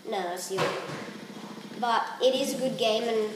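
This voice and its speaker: A woman's voice: on the high side, unhurried. Playful woman gaming, echoey far-off mic. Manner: playful, chatty, jokes and repeats lines in a sing-song way. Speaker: co-host of a gaming podcast. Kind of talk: casual banter while playing a shooter game. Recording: roomy echo, far from the mic, noisy.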